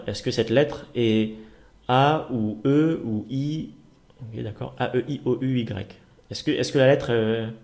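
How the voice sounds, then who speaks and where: A man's voice: mid-range voice, a little mellow. Male teacher explaining code exercises, thinks aloud with fillers and restarts.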